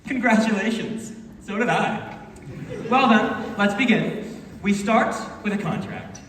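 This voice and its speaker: A man's voice: high-pitched, animated, a little slow, fairly bright tone. A man playing an eccentric, courtly chocolate factory owner on stage, with wry, teasing and dryly insulting politeness. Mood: sly, teasing. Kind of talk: stage musical theatre acting. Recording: echoey hall, distant microphone.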